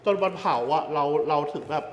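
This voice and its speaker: A man's voice: brisk, muffled recording. A man in a casual reaction chat who talks openly and earnestly about personal experiences. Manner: earnest, open storyteller. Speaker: reaction video co-host. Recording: echoey room with long reverb and faint noise.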